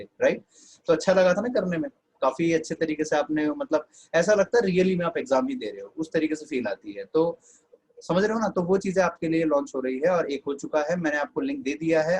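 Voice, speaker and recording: Husky Indian man teaching an online class. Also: a little high, rough recording. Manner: chatty, scolds students fondly as "beta". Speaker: English teacher.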